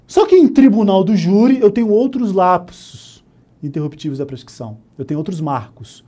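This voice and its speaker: A man with a Brazilian Portuguese accent teaches an exam-prep law lesson, taking each answer option in turn. His voice is dark and mellow. He keeps checking in with quick "né?" and "tá?" tags as he explains. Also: high voice, lively intonation. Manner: explains step by step, often asking "né?", "ok?", "tá?". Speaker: law instructor. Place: online course studio.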